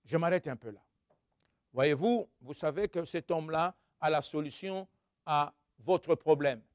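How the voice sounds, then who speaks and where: A man preaching a sermon who reads scripture, exclaims hallelujah and questions his congregation, swinging from loud outbursts to quiet asides. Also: a little high, measured pace, no echo, studio quality.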